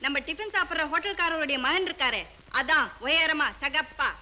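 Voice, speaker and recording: An office gossip in a 1970s film drama who knows everything happening in town and tells it with eager glee. Her voice is very high and bright. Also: moderate pace. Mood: gleeful. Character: chatty office woman, knows every scandal.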